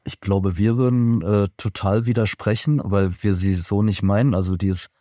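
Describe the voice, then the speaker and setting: A Berlin-born musician, a band member appearing as a guest, answers interview questions thoughtfully but ramblingly, full of fillers and restarts. His voice is lowish and warm at a moderate pace, captured in a remote podcast recording that sounds clean and studio-like with no echo.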